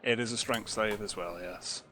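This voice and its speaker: A man's voice: fairly low pitch, normal speed, pushed and bright, faint music behind. A man running a tabletop game as dungeon master, hesitant with fillers.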